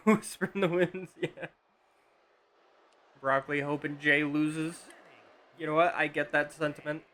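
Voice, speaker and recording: A man's voice: on the high side, steady tone, measured pace, long pauses, fairly bright tone. A man casually commenting on a wrestling video game on a live stream, rambling with fillers and restarts.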